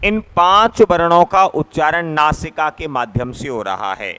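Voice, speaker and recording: A man teaching a grammar lesson in a classroom, his fairly high voice smooth and clear. He speaks slowly and patiently, sounding out each letter in turn and going back over his points. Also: sing-song, pushed and bright. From Rajasthan, India. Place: classroom, writing on a board.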